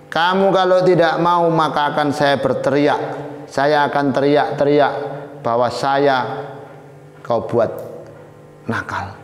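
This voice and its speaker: A man's voice: medium pitch, takes it slowly, pauses often. A man voicing a demanding, haughty princess. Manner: threatening, pushy, scornful. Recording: echoey hall, faint ambience.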